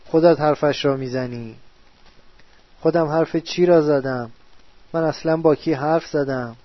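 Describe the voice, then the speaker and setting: A man's voice: fairly high pitch, dry recording, close to an everyday voice. An actor playing a distraught man who argues and pleads with himself at night, in an agitated, quarrelsome way, in a radio drama. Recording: dull, dry studio recording.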